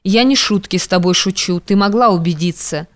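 A woman's voice: lowish voice, brisk, close to an everyday voice. A woman reading an audiobook, voicing a stern, domineering young man who speaks harshly and commandingly.

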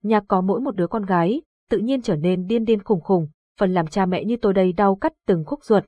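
A woman reading the lines of a grieving old village father in a horror audiobook, with a husky voice. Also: mid-range voice, a little fast, warm tone, dry recording, close to an everyday voice. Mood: anguished. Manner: pleading, distraught.

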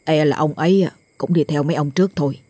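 A woman's voice: sits low, fast, mellow, no echo. Woman doing a fretful village man. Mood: worried. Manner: fretful, hesitant, with fillers. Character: worried village man gossiping in low tones.

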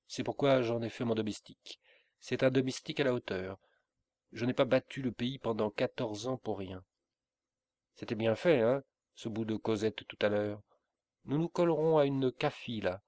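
A man voicing a boisterous wandering mollah who is really a bold trickster, declaiming slowly and with emphasis. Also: medium pitch, a little mellow, dry recording, lightly acted.

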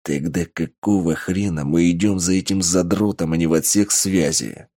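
A man putting on a surly armed mercenary in an audiobook, low and curt. He hisses and grumbles with impatience. The sound is dry and close. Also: moderate pace, mellow, dry recording. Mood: gruff. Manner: gruff, hissing, curt.

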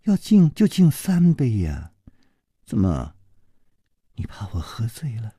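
A man voicing a coy, husky young woman. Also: medium pitch, huge pitch swings, slow, no echo, studio quality, exaggerated voice. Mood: teasing. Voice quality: soft, husky and hushed, often near a whisper. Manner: teasing, coy.

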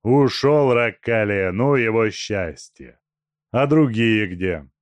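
A man reading an audiobook, voicing a brutal, mocking male robber chief in a loud, gruff, taunting voice. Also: lowish voice, lively intonation, takes it slowly, dry recording, voice pushed up. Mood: gruff, brooding. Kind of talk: audiobook character voice.

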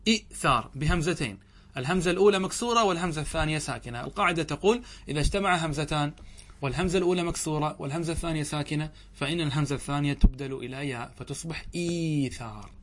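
A sheikh gives a grammar lesson in a fairly high voice for a man. He works through each rule slowly, asks his listeners questions and answers them himself, and draws out each example word syllable by syllable. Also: fairly bright tone. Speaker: sheikh teaching Arabic grammar. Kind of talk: classroom lesson explaining a grammar text.

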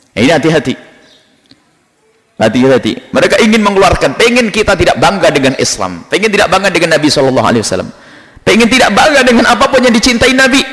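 A man preaching a sermon, telling stories and mimicking the characters in them. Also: a little high. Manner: animated storytelling, mimics characters in raised voice. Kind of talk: sermon with acted anecdotes. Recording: echoey hall recording.

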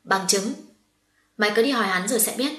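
A woman's voice: medium pitch, brisk, a bit bright, roomy sound, lightly acted. A woman voicing a hurt young woman who speaks in a firm, cutting way. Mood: angry. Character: wounded young woman, calm but fierce.

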